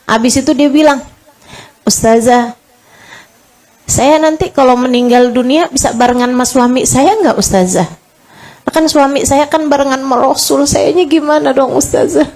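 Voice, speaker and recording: A woman's voice: normal speed, darkish tone. A middle-aged woman giving a casual religious lecture, telling stories and acting out dialogues. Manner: casual, chatty, acts out dialogues with pitch swings. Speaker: preacher.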